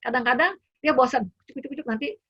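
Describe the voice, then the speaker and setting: A woman's voice: high-pitched, animated, fast talker, husky, no room sound, lo-fi sound. A woman, a parent, giving an informal webinar talk from home, chatty with many fillers and acted quotes of parent and child. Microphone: computer mic on a video call.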